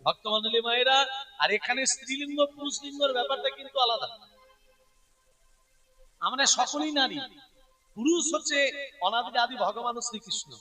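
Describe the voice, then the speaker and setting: High, bright-voiced male preacher. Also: normal speed, pauses often, recorded from a distance, faint music behind, poor audio. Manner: explanatory, spells words out and repeats them for the listeners. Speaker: kirtan preacher. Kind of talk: devotional sermon to devotees.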